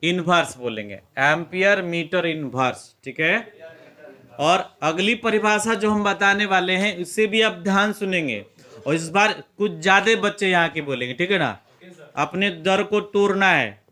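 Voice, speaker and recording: Male physics teacher, Bihari Hindi accent, high and bright, coaxing a classroom to repeat terms. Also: animated, moderate pace. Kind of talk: classroom lecture with demonstration. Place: classroom with students.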